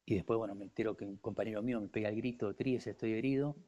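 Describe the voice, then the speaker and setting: A man's voice: fairly low pitch, flat delivery, racing, mellow, lo-fi sound. A man in his sixties with an Argentine accent, a war veteran guest telling his story in the first person, vivid and intense, acting out other people's words. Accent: Argentine Spanish. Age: 60s.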